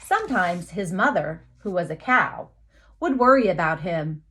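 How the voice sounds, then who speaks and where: A woman teacher reading a picture book aloud to young children, expressively, with dramatic emphasis, pauses and asides to her listeners. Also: on the low side, sing-song, a bit bright.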